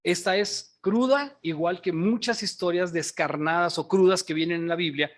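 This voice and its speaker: A man's voice: sits high, moderate pace. A male pastor preaching a sermon, retelling a story and asking the congregation questions as he goes. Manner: storytelling, asks the congregation questions, says "hermanos" often.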